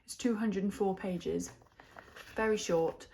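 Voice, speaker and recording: A woman's voice: medium pitch, fairly even intonation, slow, vocal fry, mellow, slight background noise. A young woman from Wales giving a chatty, thoughtful book review in a casual reading vlog, often trailing off and restarting her thoughts. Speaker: book vlogger.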